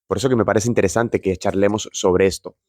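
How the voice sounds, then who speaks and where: A motivational video host speaks straight to camera with an earnest, encouraging reflection, admitting he's nervous about talking on video. His lowish, dark voice moves fast with a steady tone, recorded in clean studio sound with no echo.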